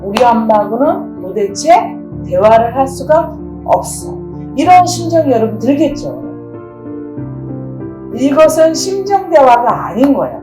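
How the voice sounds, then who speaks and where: Animated middle-aged woman lecturer. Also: high-pitched, unhurried. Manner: asks the audience rhetorical questions. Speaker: counseling professor. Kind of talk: lecture on family communication. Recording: roomy echo, faint music.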